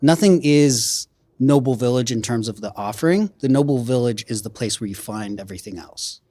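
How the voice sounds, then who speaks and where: A man walks through new business plans in a relaxed interview, explaining step by step and checking in with "right?". His voice sits in a middle range, recorded close and dry in a studio. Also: mid-range voice, moderate pace, no room sound. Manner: explanatory, frequent "right?" tags. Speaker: restaurant group representative. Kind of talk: conversational interview.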